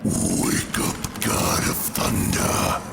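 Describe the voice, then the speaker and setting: A man playing a menacing alien god butcher and father in a motion comic, speaking in a hoarse, deliberate voice. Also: heavy background noise. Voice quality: gravelly, hoarse. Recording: loud music behind the voice.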